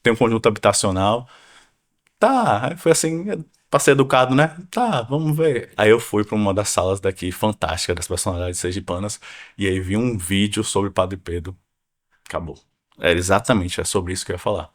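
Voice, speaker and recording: A man's voice: on the low side, brisk. A man from Salvador, Brazil, a guest researcher telling his story in a casual podcast conversation and acting out quoted thoughts. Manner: animated storytelling with acted-out quotes.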